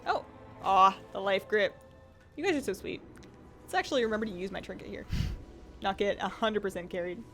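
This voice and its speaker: Over soft background music, a woman game streamer rambles chattily while playing and reads viewer comments aloud. Her medium-pitched, slightly bright voice moves at a moderate pace with long pauses and sounds a little strained from talking.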